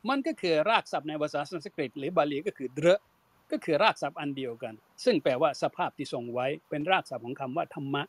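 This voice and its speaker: A man giving an unhurried academic talk as a panel speaker, explaining word roots and mixing English terms into his speech. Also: on the high side, no room sound.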